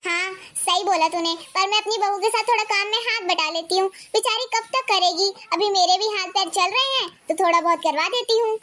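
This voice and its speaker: A woman's voice: very high voice, fairly quick, few pauses, sharp tone. A woman putting on a kindly old mother-in-law. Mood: gentle.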